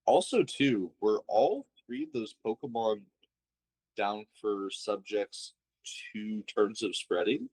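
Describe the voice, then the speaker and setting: A man's voice: fairly low pitch, takes it slowly, a little mellow, husky, low-quality recording. A man commentating on a card game match, thinking aloud and asking analytical questions about the plays.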